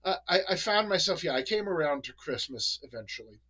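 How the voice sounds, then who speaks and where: A man with a New England accent talks in a relaxed, rambling way, full of fillers and restarts. His voice is bright and a little husky, and his pitch sits in a middle range. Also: a little fast, muffled recording. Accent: New England American. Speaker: podcast host. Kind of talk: casual chat.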